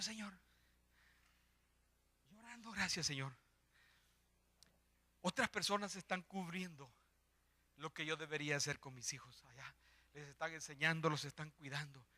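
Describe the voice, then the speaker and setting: An older man preaching a sermon in a church, swinging from hushed pleading to impassioned shouting. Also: fairly high pitch. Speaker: lay preacher.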